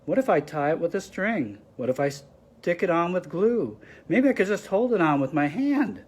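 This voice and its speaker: A man's voice: high-pitched, sing-song, normal speed, darkish tone. A man voicing a boastful young elephant god. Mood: upset. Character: young elephant-headed boy god, boastful but sensitive.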